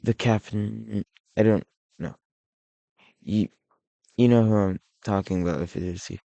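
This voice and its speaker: The lo-fi recording is dry and close, with no room sound, as a low-voiced alternate-history map maker talks through a video at a measured pace. His delivery is rambling and relaxed, full of restarts and self-corrections, and his raspy, gravelly tone sounds hoarse and a bit unwell.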